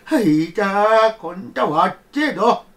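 A man voicing a kind, poor old grandfather from a folktale, speaking gently and humbly with a Kagoshima accent. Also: high-pitched, expressive, takes it slowly, distant mic, exaggerated voice. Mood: humble, kindly.

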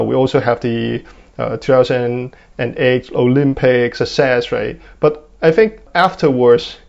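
A man's voice: mid-range voice, gravelly, darkish tone, highs cut off. A man in his twenties with a Hong Kong accent, giving thoughtful interview answers with many fillers and "right?" tags. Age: 20s. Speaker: guest.

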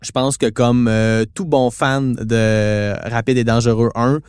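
A man's voice: mid-range voice, steady tone, measured pace, a little mellow, smooth, no echo, studio quality. A man with a Québécois French accent co-hosting a podcast, chatting in an enthusiastic, joking way. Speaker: podcast co-host. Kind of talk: casual podcast chat about car films.

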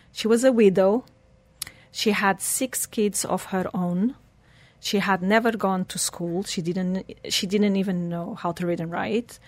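A Portuguese woman in her forties, appearing as an interview guest, earnestly tells the story of her life in slightly broken English. Her voice is medium-pitched and the recording has no echo.

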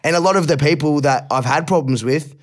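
A man's voice: on the high side, fairly quick. An Australian man, a rapper guesting on a podcast, talking candidly and reflectively in casual chat, swearing now and then and repeating words when moved.

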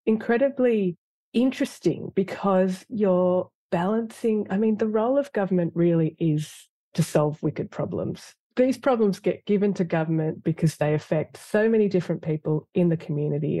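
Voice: medium pitch, normal speed, warm tone, dry recording. A government lawyer, a guest in an interview, answering in a reflective and earnest way with frequent fillers.

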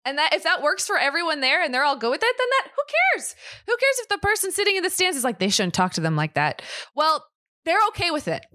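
A young woman with a high, bright voice talks earnestly in a casual chat. She works through her views aloud, full of fillers and restarts. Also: very animated, fast talker. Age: young adult. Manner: earnest, reasoning things through with many fillers.

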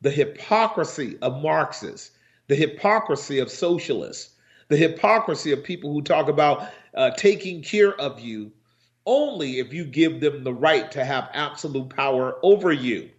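A man's voice: fairly high pitch, expressive, normal speed, muffled recording. An American man preaching a political sermon as a pastor speaking to his listeners, admonishing and emphatic, building his points through repetition. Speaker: pastor hosting a regular broadcast.

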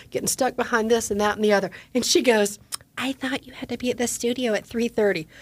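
A woman's voice: on the high side, dry recording. A woman in her forties co-hosting a podcast, chatting casually and telling a story while acting out the quoted voices. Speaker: podcast co-host. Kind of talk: casual chat.

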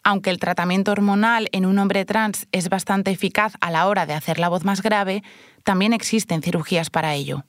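A woman's voice: medium pitch, fairly even intonation, brisk, no echo, studio quality. Woman narrating a news report.

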